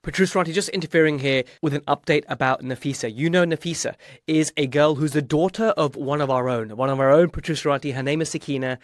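A man with a slightly high voice talks very quickly as a podcast host. His delivery is chatty, informal and enthusiastic, and the recording is dry and close. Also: no room sound.

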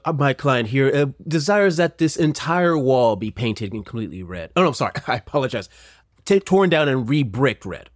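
A smooth, fawning woman interpreter, as a man voices her in a tabletop game, smoothing her client's wishes over with polite, persuasive talk. Her pitch swings up and down a lot, and the recording is dry and close. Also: expressive, normal speed, dry recording, close to an everyday voice. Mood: apologetic. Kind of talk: tabletop role-play voice.

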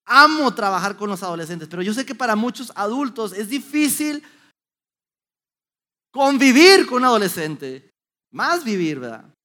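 A middle-aged man gives a motivational talk to an audience. He tells stories in an animated way, with many restarts. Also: high voice, moderate pace. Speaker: youth speaker.

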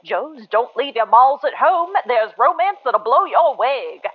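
A woman's voice: on the high side, sing-song, a little slow. A woman announcer cuts in with a hijacked-broadcast news bulletin, hyping a retro sci-fi picture in old-time slang, heard through a lo-fi old radio filter. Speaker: announcer in a sponsor spot. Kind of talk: retro sci-fi movie trailer read as a breaking news bulletin. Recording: tinny lo-fi old radio sound.

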